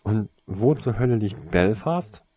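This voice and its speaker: A man voicing a quick-tempered young witch girl who asks a lot of questions. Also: fairly low pitch, expressive, dark tone, slightly rough. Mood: impatient. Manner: tetchy, questioning.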